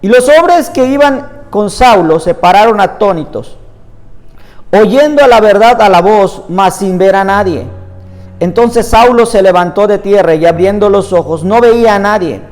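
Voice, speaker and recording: Guy preaching a sermon, high voice, reverby room, quiet music under it. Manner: earnest, reads scripture aloud slowly. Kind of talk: sermon with Bible reading.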